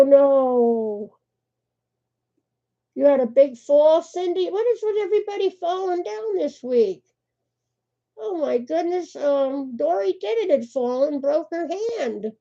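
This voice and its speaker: This older woman has a high, creaky, mellow voice. Laughing frequently, she chats with viewers and greets them by name on her casual crochet livestream, recorded with muffled lo-fi audio.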